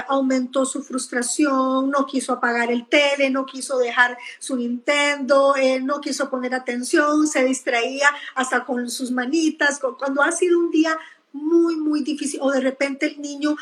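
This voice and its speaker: A woman psychologist giving gentle, explanatory advice to parents, with frequent hesitations and repeated words, speaking over a video call. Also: high-pitched, low-quality recording. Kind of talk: advice talk on a live or video chat.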